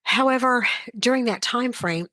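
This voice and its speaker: A woman's voice: fairly high pitch, normal speed, bright, forceful tone, no echo, low-quality recording. A woman coach hosting a motivational talk, direct and plain-spoken, sharing personal stories in a conversational way. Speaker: sports coach, motivational podcast host.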